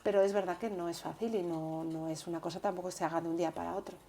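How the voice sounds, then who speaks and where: A woman guest in an interview, talking earnestly and in a measured way, often repeating words while she thinks. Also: fairly low pitch, steady tone, mellow, slight background noise. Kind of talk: reflective interview talk.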